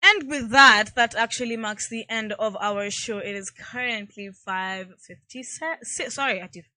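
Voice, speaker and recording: A woman's voice: a little high, moderate pace, bright, forceful tone, no echo, studio quality. A young Kenyan woman co-hosting a radio show, playful and switching between English and Swahili. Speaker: radio co-host. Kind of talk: casual radio chat. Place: radio studio.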